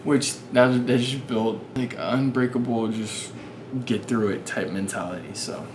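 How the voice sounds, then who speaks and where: A man's voice: medium pitch, fairly even intonation, a little slow. A young man vlogging, telling a casual story full of fillers and restarts. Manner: rambling, many fillers and restarts. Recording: noisy background ambience.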